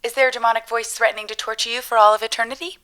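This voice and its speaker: Woman playing a bright, polite call center agent. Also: on the high side, steady tone, rapid-fire, a little hiss or hum, natural voice. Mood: polite, unfazed. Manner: chipper, scripted politeness. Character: polite, unflappable female customer service agent. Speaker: customer service agent. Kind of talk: comedy dialogue.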